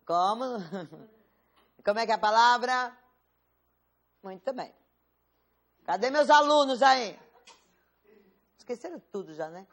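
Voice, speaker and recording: A woman with a Brazilian Portuguese accent teaches a law class in a classroom. Her voice sits slightly high, and she keeps quizzing her students with rhetorical questions, stressing the words they must remember. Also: animated, takes it slowly, long pauses. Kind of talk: classroom lecture.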